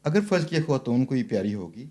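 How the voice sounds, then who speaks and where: A man's voice: medium pitch, lively intonation, dark tone. A man hosting a podcast, asking questions and teasing his guest in casual talk. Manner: probing, teasing. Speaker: podcast host.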